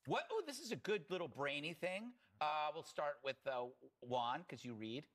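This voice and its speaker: A man's voice: on the high side, sing-song, normal speed, a bit bright. A man hosting a panel talk show, teasing his co-hosts with wry jokes.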